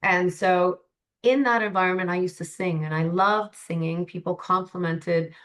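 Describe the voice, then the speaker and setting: A Canadian life coach appears as a guest on an interview podcast, speaking earnestly and reflectively with lots of "you know" fillers. Her voice sits fairly low and is a bit bright, with a steady tone and moderate pace.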